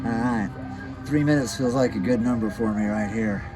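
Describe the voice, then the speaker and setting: A man giving a casual motivational talk to camera, emphatic, pausing and repeating phrases. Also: fairly low pitch. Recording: music behind the voice.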